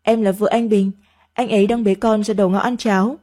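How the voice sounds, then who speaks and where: Brief: a timid, polite young wife in a storybook reading, read by a woman in her own mellow voice. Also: medium pitch, steady tone, a little fast, lightly acted. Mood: gentle. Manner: soft-spoken, polite.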